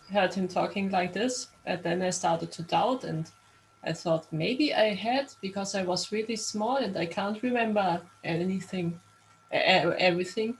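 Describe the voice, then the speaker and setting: A woman's voice: medium pitch, a little hiss or hum, low-quality recording. A woman playing a tabletop game, speaking thoughtfully and searching for her words. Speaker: player. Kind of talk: casual in-character chat.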